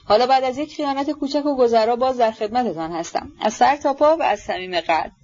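A woman's voice: on the high side, darkish tone, dull audio, pitched above the performer's own voice, close to an everyday voice. A woman voicing a sly, fawning middle-aged man who grovels and keeps calling his listener sir, in a storybook reading. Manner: obsequious, wheedling, self-abasing.

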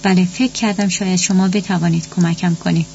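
A woman's voice: lowish voice, steady tone, creaky, a little mellow. Wounded, pleading grown daughter, voiced by a woman narrator in an audiobook reading, muffled with faint hum. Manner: pleading and reproachful. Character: hurt, pleading adult daughter.

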